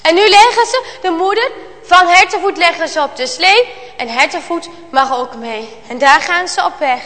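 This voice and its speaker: A woman telling a story to children, dramatic, with loud exclamations and hushed passages. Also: very high voice, animated, normal speed. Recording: long hall reverb.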